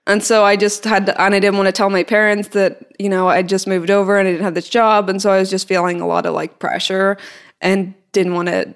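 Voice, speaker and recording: A woman's voice: mid-range voice, flat delivery, a little fast, clear, resonant tone. A woman in her thirties with a Northern Irish accent, a podcast guest telling her story in a chatty way. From Northern Ireland. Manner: chatty storytelling, laughs easily. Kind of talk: casual podcast interview.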